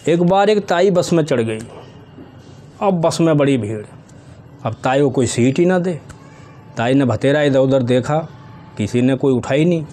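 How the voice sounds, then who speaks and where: Man telling village jokes, dark-toned voice. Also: mid-range voice, lively intonation, a little hiss or hum. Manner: storytelling, quick acted quotes of characters. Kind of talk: casual joke telling.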